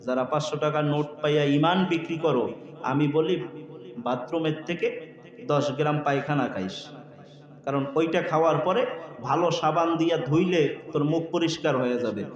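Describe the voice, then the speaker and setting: A man's voice: on the high side, moderate pace, muffled recording. A man preaching a fiery waz sermon, impassioned and sing-song, often asking the crowd to agree. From Bangladesh. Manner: impassioned, rising to shouts, sing-song cadence; colloquial, asks the crowd for agreement. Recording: echoey hall with long reverb.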